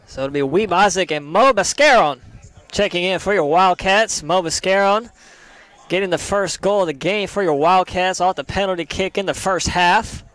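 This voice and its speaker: A young man calling a live college soccer match play by play, steady between plays and rising sharply on chances. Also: high-pitched, normal speed, dry recording. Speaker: play-by-play commentator.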